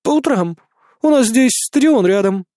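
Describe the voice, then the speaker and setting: A man reading an audiobook, voicing a frightened elderly mother who speaks timidly and softly. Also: extremely high pitch, lively intonation, moderate pace, no room sound, studio quality, pitched above the performer's own voice. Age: older. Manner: timid, soft-spoken.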